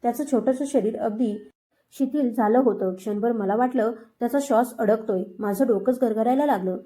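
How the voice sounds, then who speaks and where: A woman tells a heartfelt first-person story in a dramatic, emotional reading. Her voice sits a little high, with a soft, mellow tone. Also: normal speed.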